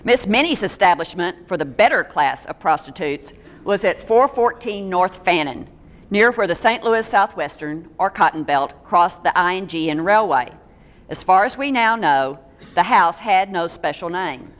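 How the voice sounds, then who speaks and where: A woman with a drawl reads a local history talk aloud to a roomful of listeners, working through names and dates at an even clip with the odd stumble and a dry aside. Her voice sits a little low. The sound carries a long, echoing reverb from the hall. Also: normal speed. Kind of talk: public history talk reading from notes. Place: meeting room with a live audience.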